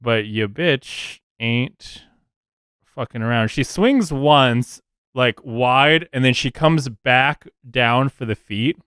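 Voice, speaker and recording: A man's voice: medium pitch, takes it slowly, fairly bright tone, clear, resonant tone, no room sound, clean studio sound. A man narrating a tabletop game as game master in a casual, rambling way with many fillers.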